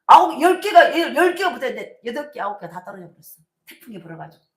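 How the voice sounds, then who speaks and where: A middle-aged woman pastor preaching a sermon, telling stories in a colloquial, animated way with emphatic bursts. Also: on the high side, fast talker. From South Korea. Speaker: senior pastor. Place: church sanctuary. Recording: echoey church sanctuary.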